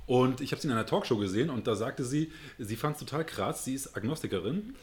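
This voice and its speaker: This Hamburg man, an interview guest with a northern German accent, answers questions earnestly and reflectively, searching for words as he goes. His medium-pitched voice is expressive and a little mellow, and he talks fast.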